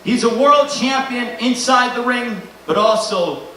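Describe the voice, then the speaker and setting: High, bright male boxing announcer in echoey hall. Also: measured pace. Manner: showy ring-announcer delivery. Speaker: press conference host and boxing announcer. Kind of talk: boxing promotional introduction to an audience. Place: large echoey press conference room. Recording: echoey hall, distant mic, faint noise.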